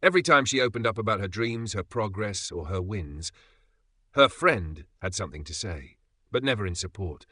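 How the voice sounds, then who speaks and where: Man, low voice, forceful tone, motivational voice-over, emphatic pauses, dry close mic. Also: expressive, breathy edge, no room sound. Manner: measured, emphatic delivery with dramatic pauses. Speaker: channel narrator.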